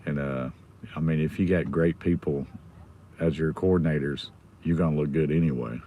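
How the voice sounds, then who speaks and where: A low-voiced American man chats casually to his livestream. His voice is hoarse and almost gone, so he stays subdued and avoids getting loud. He is recorded in a car with some background noise. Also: moderate pace, phone-quality sound. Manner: subdued, holding the volume down. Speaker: livestream host. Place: inside a car in a school pickup line.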